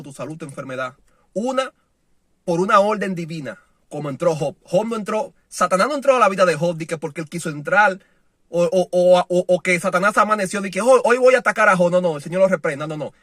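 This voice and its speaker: A man preaching a sermon with passion, moving between loud declarations and soft, low lines, and acting out the voices of people he quotes. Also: no room sound, clean studio sound.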